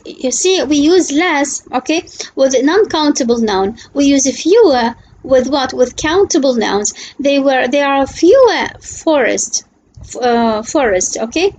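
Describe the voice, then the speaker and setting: A woman teaching an English lesson over slides, talking slowly and deliberately, often asking "what?" and checking with "okay?". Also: high voice, lively intonation, a little mellow, poor audio. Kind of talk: slide lecture.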